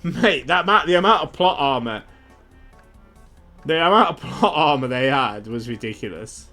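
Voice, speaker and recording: A man's voice: mid-range voice, lively intonation, normal speed, bright, forceful tone, faint music behind. A young man streaming a game, chatting casually and animatedly, swearing freely. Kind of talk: casual gaming chat.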